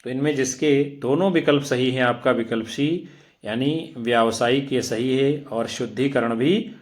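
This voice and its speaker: A man teaching exam preparation, reading quiz options aloud and explaining each answer to his students in a measured, deliberate way. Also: mid-range voice. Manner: addresses students directly, repeats options aloud.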